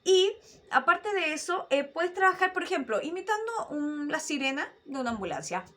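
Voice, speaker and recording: A woman's voice: sits high, moderate pace. A woman, a voice-acting coach giving an online dubbing lesson. She keeps asking her listener rhetorical questions. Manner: animated teacher, asks rhetorical questions, demonstrates voices.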